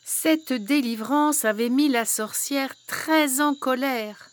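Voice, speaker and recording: A woman reading a children's fairy tale aloud in a lively, expressive way. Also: high-pitched, slow. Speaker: storyteller. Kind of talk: storybook reading.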